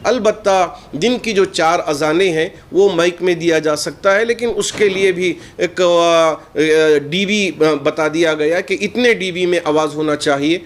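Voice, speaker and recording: In the role of a cleric, a man from India makes an earnest, formal statement in Urdu-laced speech, as though addressing the press. His voice is on the high side and steady in tone, with a measured pace and hardly any pauses.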